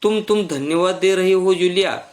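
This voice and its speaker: A man voicing an angry, stern male employer who shouts in a trembling voice while reading a story aloud in a lesson. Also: high-pitched, normal speed, pitched above the performer's own voice, natural voice. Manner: raised, trembling with anger.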